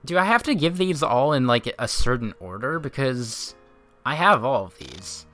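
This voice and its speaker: A man's voice: mid-range voice, very animated, normal speed, bright, forceful tone, soft background music. A man doing casual commentary as he plays a video game, sometimes reading the text aloud.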